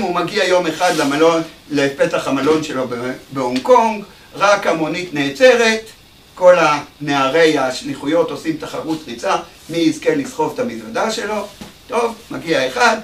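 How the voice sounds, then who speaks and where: A male rabbi giving an animated ethical sermon in a study hall, sometimes raising his voice to a shout. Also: a little high. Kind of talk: sermon with a parable. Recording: echoey room, distant mic, faint hum.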